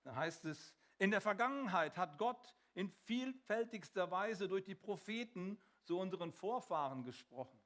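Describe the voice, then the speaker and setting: With a voice that sits high, this preacher delivers his sermon dramatically, alternating forceful declarations with hushed passages and slowing for emphasis.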